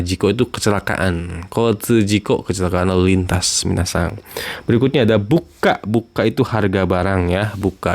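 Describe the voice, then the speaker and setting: A man teaching Japanese vocabulary in a casual, chatty way, often tagging his lines with a friendly address to viewers and lifting his voice for example sentences. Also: a little mellow. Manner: chatty, tags lines with "minasan", lifts pitch for example sentences.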